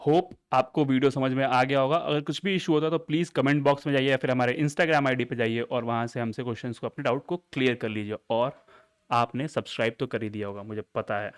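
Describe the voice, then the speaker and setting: A man walking viewers through an app on screen, explaining each step and slowly reading the on-screen messages aloud. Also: mid-range voice, fairly even intonation, smooth. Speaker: app tutorial presenter. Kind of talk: screen-recorded app walkthrough.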